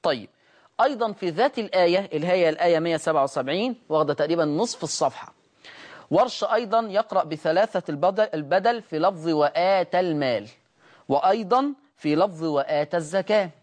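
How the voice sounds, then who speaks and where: A man with an Egyptian Arabic accent teaching Quran recitation rules. He explains each rule and then slowly intones the example words. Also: on the high side, lively intonation. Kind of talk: recitation lesson.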